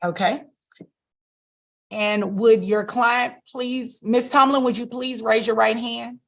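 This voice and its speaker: A woman judge heard in a courtroom recording of a virtual hearing, running formal proceedings on the record over a video call in a measured, procedural way with brief fillers. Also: on the high side, fairly even intonation, creaky, fairly bright tone.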